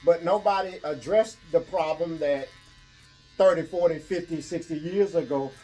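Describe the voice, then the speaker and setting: An American man in a casual barbershop debate, halting and repeating his words as he tries to get his point in. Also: a little high, mellow, soft background music, rough recording.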